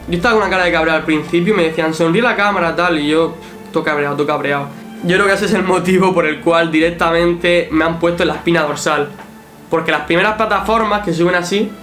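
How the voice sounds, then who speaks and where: A young man with a high voice tells his story in a loose, animated vlog style. He swears freely and acts out what people said to him. Faint music plays underneath. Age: young adult. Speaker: athlete recounting his show run. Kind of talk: casual storytelling vlog commentary.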